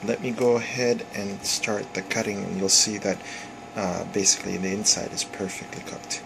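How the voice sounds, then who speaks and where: Gravelly man with a sizzling pan. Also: lowish voice, steady tone. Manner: halting, many ums and restarts. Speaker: home cook demonstrating. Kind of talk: casual cooking demo narration. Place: home kitchen, searing at the stove. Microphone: phone camera. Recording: phone video with sizzling pan noise. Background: frying sizzle.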